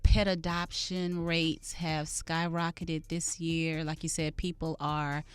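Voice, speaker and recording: A woman guest on a radio show, a health practitioner giving measured, thoughtful answers in casual conversation. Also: deep voice, little pitch movement, clean tone. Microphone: studio mic.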